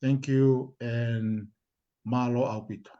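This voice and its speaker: A man with a Tongan accent speaking informally on a community live discussion in a halting, deliberate, repetitive way. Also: mid-range voice, flat delivery. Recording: dull lo-fi stream audio.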